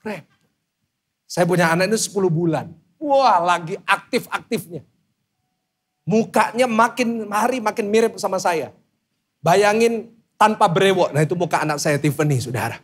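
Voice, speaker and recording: A man in his thirties preaching a sermon loudly and with energy, often calling on the congregation to respond. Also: high voice, moderate pace. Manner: loud, lively preaching with calls to the congregation. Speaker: pastor.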